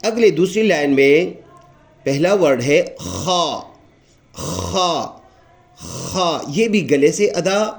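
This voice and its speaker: A man with a Pakistani Urdu accent giving a patient recitation lesson, explaining each letter and repeating it slowly and drawn out. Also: a little high, lively intonation, darkish tone. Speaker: Quran recitation teacher.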